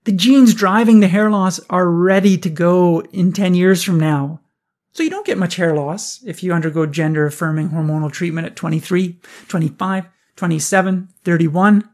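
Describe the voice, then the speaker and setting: Man briskly explaining hair loss research. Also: high voice, darkish tone. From Canada. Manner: brisk explanatory, rhetorical questions. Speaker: podcast host. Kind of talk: scripted research review.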